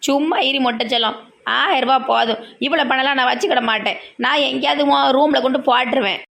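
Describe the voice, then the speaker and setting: A woman's voice: high voice, quick pace, creaky, fairly bright tone. A woman voicing a humble young village woman in a comic cartoon, with a Tirunelveli Tamil accent and a modest, pleading way of talking. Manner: modest, pleading, and snappy when pressed.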